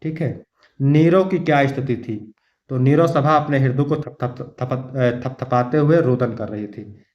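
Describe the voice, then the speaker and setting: A male teacher works through an exam paper for his students in an exam-prep lecture. He reads each verse aloud, then explains it in plain words, and speaks to the class as his dear children. His voice sits at an ordinary middle pitch, and it rings in a roomy, echoey space. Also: unhurried, a little mellow, dull audio.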